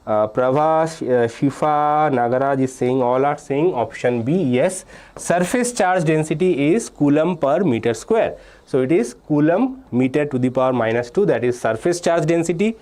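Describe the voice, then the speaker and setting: His fairly high, slightly mellow voice is animated and moves at a moderate pace. The young Indian man is teaching a live online physics exam-prep class, explaining step by step, reading students' names and answers from chat, and going over key points between "uh"s and "okay"s.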